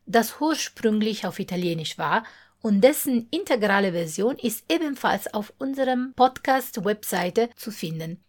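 A woman presenting a podcast, reading scripted narration in a measured way. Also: mid-range voice. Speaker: podcast host.

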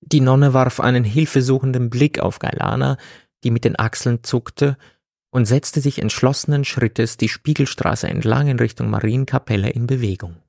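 A man reading a story aloud as narrator, in a slow and deliberate manner. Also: mid-range voice, gravelly, darkish tone, dry recording, clean studio sound. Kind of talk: audiobook reading.

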